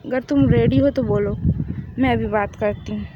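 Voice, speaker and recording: A woman's voice: fairly high pitch, fairly even intonation, normal speed, lo-fi sound, very noisy, natural voice. A woman voicing a nagging middle-aged mother who coaxes her daughter to marry. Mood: coaxing. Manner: nagging, coaxing.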